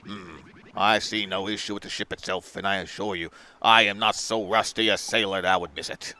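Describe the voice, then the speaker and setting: A man's voice: lowish voice, fairly even intonation, brisk, sharp tone, clear, resonant tone. A man voicing a weary, irritable old sailor in a video game, with a dry grumbling manner. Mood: measured, assured.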